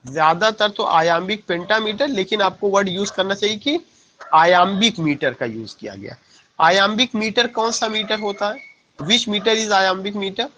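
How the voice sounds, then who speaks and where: High-voiced teacher quizzing his class. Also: normal speed, sharp tone, a little hiss or hum, low-quality recording. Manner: quizzes students, repeats key points, mixes Hindi and English. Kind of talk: classroom lecture. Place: classroom with students.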